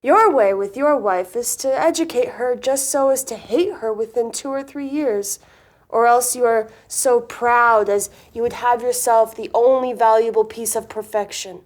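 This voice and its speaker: Woman playing a high-voiced gallant of Restoration comedy. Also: normal speed, lightly acted. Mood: reproving. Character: gallant, sensible young gentleman in love, wryly reproving. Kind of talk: Restoration-comedy stage acting, mannered period dialogue.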